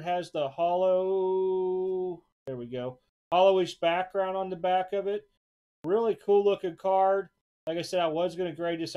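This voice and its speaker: A man with a fairly high pitch and a darkish tone narrates a relaxed showcase of trading cards ahead of an auction he is hosting. Sitting at a desk indoors in his home card room, he talks in a loose, rambling manner and tends to repeat words.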